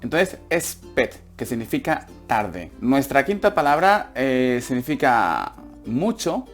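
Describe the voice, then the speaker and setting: A man with a Spanish accent from Spain giving a casual online language lesson, repeating words slowly and patiently to drill pronunciation. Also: mid-range voice, very animated, soft background music. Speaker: online German teacher.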